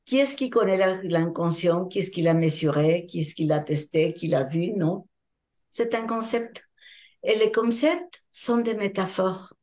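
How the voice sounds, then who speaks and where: Older Mexican woman, French as a second language, slow and mellow, a hypnotherapist being interviewed. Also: on the low side. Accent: Mexican Spanish. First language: Spanish. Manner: thoughtful, searching for words in French. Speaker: hypnotherapist and trainer. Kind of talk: interview answers.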